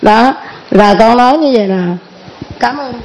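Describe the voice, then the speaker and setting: A woman's voice: fairly high pitch, normal speed, vocal fry, noisy background. A middle-aged woman giving an earnest spoken testimony in church, often repeating and restarting her words.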